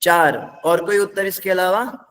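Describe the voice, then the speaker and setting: A man's voice: high-pitched, steady tone, measured pace, a bit bright. A man teaching a scripture class, explaining word by word in a patient, step-by-step way and putting questions to his students.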